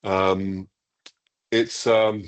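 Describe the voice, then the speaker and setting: A man from Iceland, an international school leader, answering questions in a live interview, enthusiastic and measured, with frequent ums and restarts. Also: low-pitched, flat delivery, smooth.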